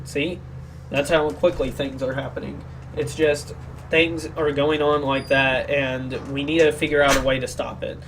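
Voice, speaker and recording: A sick man co-hosts a podcast, speaking more quietly than usual and rambling through a casual, opinionated discussion while often searching for words. His voice is a little high, with little pitch movement and a moderate pace. The background is noisy.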